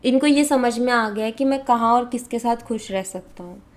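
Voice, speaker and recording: A woman from India giving a casual, conversational tarot reading to viewers, often mixing in English words and pausing on fillers. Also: on the high side. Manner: conversational, mixes English into Hindi, frequent fillers. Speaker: tarot reader.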